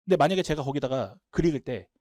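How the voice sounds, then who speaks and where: Brief: male instructor, slightly high voice, very animated delivery, seminar lecture. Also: no room sound, clean studio sound. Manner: emphatic, talks fast and animated. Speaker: Korean-language instructor.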